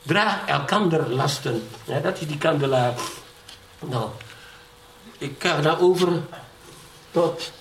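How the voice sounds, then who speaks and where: A man's voice: fairly high pitch, slow, long pauses, a bit bright. Middle aged guy preaching, keeps asking ja?, gets worked up, sounds far off in a roomy church w faint noise. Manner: emotional testimony, voice rising in fervour. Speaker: pastor. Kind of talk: sermon. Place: church hall. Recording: echoey hall, from far off, faint background noise.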